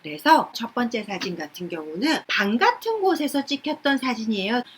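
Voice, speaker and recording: Lively woman teaching English. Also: on the high side, a little fast, a little hiss or hum. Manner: lively, switches between English reading and Korean explanation. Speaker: English speaking test tutor. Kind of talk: explaining reading passages and pronunciation.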